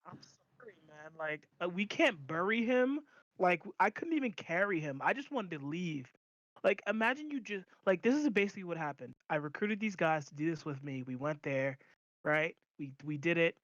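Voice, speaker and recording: A man at a tabletop game, blunt and excitable, cursing casually as he talks. His voice sits slightly high, and the mic sounds dry and a little dull. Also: normal speed, dry recording. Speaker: player.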